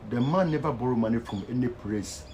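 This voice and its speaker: A man's voice: mid-range voice, a little fast, slight background noise, poor audio. A man speaking in Ghanaian Pidgin English, giving a fervent social media rant. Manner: fervent, animated, preachy.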